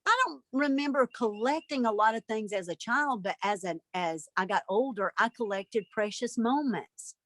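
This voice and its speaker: A woman's voice: fairly high pitch, normal speed, few pauses. A woman, a guest telling stories in casual interview chat over a video call. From Alabama, USA. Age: 50s. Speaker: guest, mother of a host.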